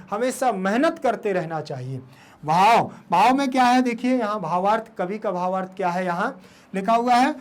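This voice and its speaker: Slow, patient Sanskrit teacher. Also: mid-range voice. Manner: slow, patient, addresses students as "बेटा"; drills pronunciation word by word, stretching syllables. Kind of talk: Sanskrit lesson explaining and reciting verses.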